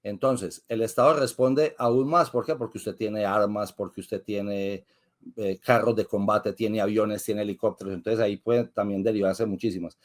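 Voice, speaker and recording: A man's voice: lowish voice, fairly even intonation, moderate pace. A man, a lawyer guest in an interview, who explains patiently like a teacher and asks and answers his own questions. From Colombia.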